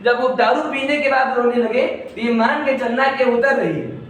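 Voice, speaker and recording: A man's voice: very high voice, normal speed, fairly bright tone. A man teaching Hindi grammar to a class, joking and teasing his students as he corrects sentences. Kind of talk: classroom lecture. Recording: echoey room from far off with class noise.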